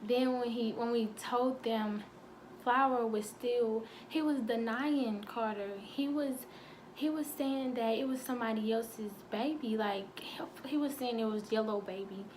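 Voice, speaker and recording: A young woman telling a painful personal story, halting with many fillers and fighting back tears. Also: on the high side, a little mellow, slight background noise. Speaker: vlogger.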